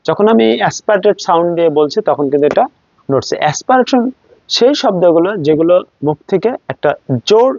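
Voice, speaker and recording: A man with a Bangladeshi accent and a high, animated, slightly fast and somewhat mellow voice teaches English pronunciation in a classroom-style lesson. He drills words aloud and contrasts wrong and right forms, in a dry, slightly muffled recording.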